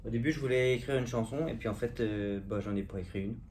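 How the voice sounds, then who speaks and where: At home, an amateur poet recites his own funny poem for a casual home video, poking fun at himself between verses. His mid-range, darkish voice moves at a quick pace over slight background noise.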